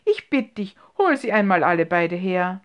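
A woman reading a story, voicing a kindly, excitable old uncle who talks loudly and insistently. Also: fairly low pitch, normal speed. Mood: urging.

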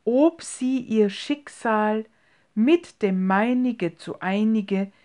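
A woman's voice: lowish voice, lightly acted. A woman reading as a pompous, flowery suitor. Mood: declaiming. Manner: solemn, drawn-out and declaiming. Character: pompous male suitor, middle-aged, flowery.

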